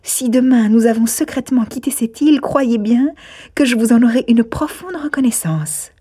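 A woman's voice: a little high, lively intonation, moderate pace, warm tone, breathy edge, pitched above the performer's own voice. A woman reading aloud, voicing a proud and determined young lady who speaks curtly and in command. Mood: imperious. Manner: curt and commanding.

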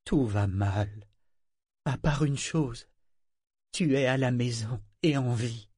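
Un homme jouant une mère âgée bouleversée et tremblante. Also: male voice, medium pitch, slow, a little mellow, husky, no echo, studio quality. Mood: épuisé. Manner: trembling, emotional. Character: older mother, distraught, tearful, bitter.

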